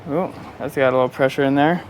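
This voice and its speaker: Worn-out male vlogger, mid-pitched, casual and rambling, outdoors with faint background noise. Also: steady tone, quick pace. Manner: rambling, easygoing, with many fillers and laughs. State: tired. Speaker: vlogger working on his truck. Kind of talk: casual off-the-cuff vlog talk. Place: outdoors beside a truck in hot weather.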